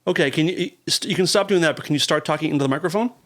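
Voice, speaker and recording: A man's voice: fairly high pitch, very fast, fairly bright tone. A man hosting a podcast in casual chat, teasing his guest in a blunt, joking, profane way. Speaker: podcast host.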